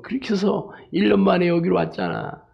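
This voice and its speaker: A man's voice: high-pitched, fairly even intonation, fairly quick, vocal fry, lo-fi sound. A male pastor preaching a sermon emphatically, breaking in with rhetorical tag questions and anecdotes. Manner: emphatic, frequent rhetorical "eh?" tags; tells jokes and anecdotes.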